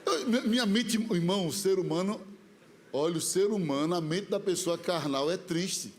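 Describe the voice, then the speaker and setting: A man with a Brazilian accent preaching a sermon as comic, lively storytelling. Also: high voice, normal speed, a little hiss or hum. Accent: Brazilian Portuguese. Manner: lively, comic storytelling that mimics the voices he describes. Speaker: pastor.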